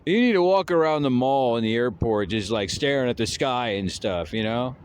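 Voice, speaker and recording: A man's voice: medium pitch, expressive, moderate pace, clear, resonant tone. Man ranting and lecturing. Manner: lecturing, scolding, repetitive. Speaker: vlogger. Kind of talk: rambling comic rant.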